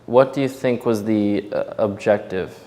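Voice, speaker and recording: A man's voice: lowish voice, unhurried, dark tone. A man interviewing, asking short questions in a hesitant way with fillers. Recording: long reverb with faint background noise.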